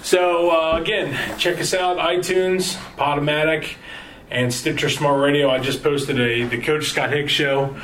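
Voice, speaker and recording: A man's voice: on the high side, steady tone, a bit bright, low-quality recording. Male sports podcast host, worn out, loose rambling delivery with ums, faint background hiss. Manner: rambling, halting sign-off with many fillers. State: tired. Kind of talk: casual sports podcast chat.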